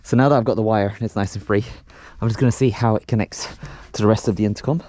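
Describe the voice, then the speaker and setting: A man with a fairly low, mellow voice and fairly even intonation talks fast as he casually narrates hands-on home renovation, thinking aloud while he works, unscripted. He hosts a home renovation vlog, and the home recording is noisy, with clicks.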